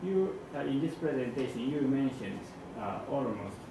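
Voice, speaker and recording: A man questioning as an academic examiner, halting and searching for words in non-native English. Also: medium pitch, lively intonation. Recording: very echoey, distant, noisy room recording.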